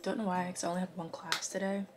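Vlogging as a sorority member, this young adult woman speaks fast and level in a lowish voice, bubbly and casual, against heavy background noise. She records indoors, in bedrooms, restrooms and meeting rooms, with a handheld phone or camera close by.

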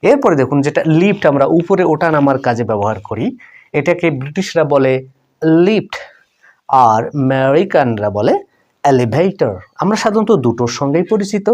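A man's voice: fairly high pitch, lively intonation, unhurried, a little mellow. A man teaching English vocabulary to viewers in a chatty way, repeating each word and asking the audience questions.

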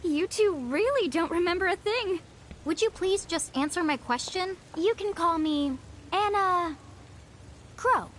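A woman's voice: extremely high pitch, lively intonation, unhurried, a bit bright, slight background noise, full character voice. A woman voicing a mysterious, playful woman in a video game who speaks in a teasing, cryptic way.

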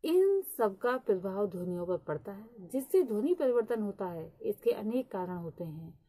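A woman teaching a lesson at a slow, deliberate pace, with frequent hesitant fillers. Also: mid-range voice, big pitch swings, mellow, slightly rough. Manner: reads English definitions very slowly. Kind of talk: lecture.

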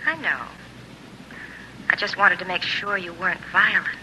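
A woman's voice: lowish voice, steady tone, normal speed, pushed and bright. An actress playing a wary, challenging armed woman on the run in a 1950s space radio drama. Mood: guarded. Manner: tense, challenging. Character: wary armed female fugitive on a space station. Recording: noisy old radio recording.

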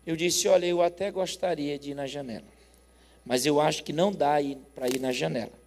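A Brazilian man in his forties preaching as a pastor, telling a story with lively acted dialogue and loud laughter. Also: a little high, brisk, faint music behind. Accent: Brazilian Portuguese. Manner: animated, acts out both sides of a dialogue, laughs loudly. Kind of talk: sermon storytelling. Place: church. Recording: long reverb of a church hall.

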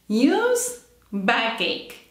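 A woman teaching English phrases in a bilingual lesson, modeling each line clearly for the listener to repeat. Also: fairly high pitch, wildly swooping pitch, extremely slow, roomy sound.

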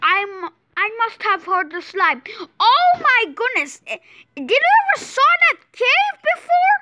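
Woman host, gameplay commentary, very high and bright voice, unhurried delivery, excitable and exclamatory. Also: dry recording. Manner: excitable, exclaims often, restarts sentences.

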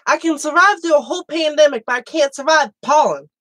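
Woman streamer, fairly high voice, dry close sound, swearing, muttering, allergies. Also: fairly quick, a bit bright, no echo. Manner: self-deprecating, swears, muttering while playing. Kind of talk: casual live stream chat.

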